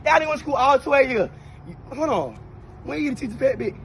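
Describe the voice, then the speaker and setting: High-voiced young man ranting brashly. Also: animated, brisk, gravelly, slight background noise. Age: 20s. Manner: loud boastful ranting, heavy profanity. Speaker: comedy skit performer. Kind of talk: brash comedic skit ranting.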